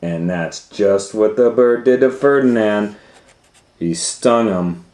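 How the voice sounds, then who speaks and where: On the low side and darkish, a man's voice moves slowly through a children's story, read aloud conversationally with explanations and questions for the audience. He's a storytime reader and educator; the animated reading is full of asides and recorded in an echoey room with faint noise.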